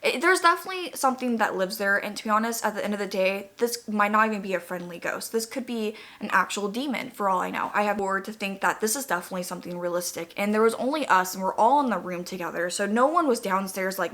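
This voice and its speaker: A woman's voice: medium pitch, quick pace, few pauses, fairly bright tone. A young woman telling a personal spooky story casually, in a chatty, rambling way with "like" scattered throughout.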